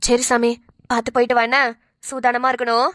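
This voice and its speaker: A woman's voice: fairly high pitch, monotone, a bit bright, no echo, clean studio sound, lightly acted. Woman voicing a fretting granny. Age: older. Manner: chatty, fretting, quick rambling talk. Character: older village grandmother, fussy and protective. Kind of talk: cartoon voice acting.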